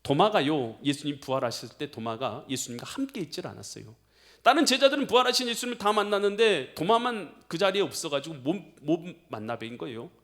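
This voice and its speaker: A man's voice: on the high side, sing-song, fairly quick, fairly bright tone. A man preaching a sermon as pastor, emphatic and direct, pressing the congregation with repeated rhetorical questions.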